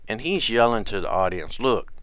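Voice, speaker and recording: Low-voiced man rambling in a dry close recording. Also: measured pace, clear, resonant tone, no echo. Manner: meandering, repeats himself, trails off softly. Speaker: conspiracy video host. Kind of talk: rambling casual monologue.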